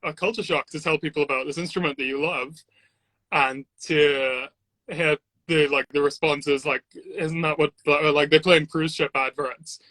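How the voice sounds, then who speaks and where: A man who grew up in Trinidad, a sound engineer and videographer, tells his story as a guest on a casual video call, full of fillers and restarts. His voice is a little high, steady and sharp, at a moderate pace. The dry, poor-quality audio comes through Bluetooth headphones and then a computer mic.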